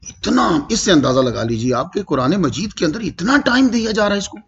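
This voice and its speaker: A man gives a Quranic commentary lesson in a high, animated voice that swings widely in pitch. He recites verses slowly and drawn out, then explains them and checks with his listeners. The recording sounds dull and lo-fi. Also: creaky, slightly rough. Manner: asks the listeners questions as he explains. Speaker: Quran teacher.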